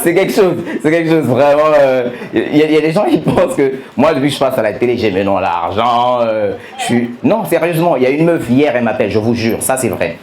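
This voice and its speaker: A man performing stand-up comedy, telling stories in an animated way and teasing the audience. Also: mid-range voice, quick pace, few pauses. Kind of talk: stand-up comedy with crowd work. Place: comedy club stage. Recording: roomy club sound with live audience.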